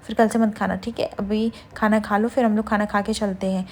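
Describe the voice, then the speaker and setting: A woman quickly retelling the plot of a television serial in a casual recap, quoting each character in turn and pausing on fillers. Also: medium pitch, level tone.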